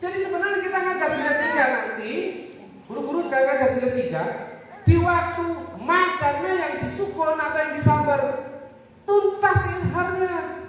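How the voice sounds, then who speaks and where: A woman's voice: high-pitched, expressive, normal speed, slight background noise. A woman teaching teachers a recitation method, drilling them in call-and-response with sing-song prompts. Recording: echoey hall, far from the mic, crowd behind.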